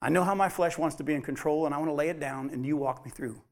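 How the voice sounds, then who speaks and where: A man's voice: fairly high pitch, quick pace. A man pastor preaching a sermon with animation, acting out quoted voices as he reads scripture.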